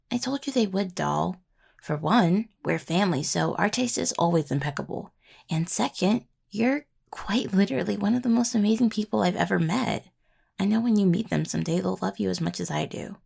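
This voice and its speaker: A woman voices a playful, loving necromancer who teases her partner in an intimate roleplay performed for a listener. Using a full character voice that is lowish, husky and gravelly, she keeps things soft and casual, sighing and murmuring asides.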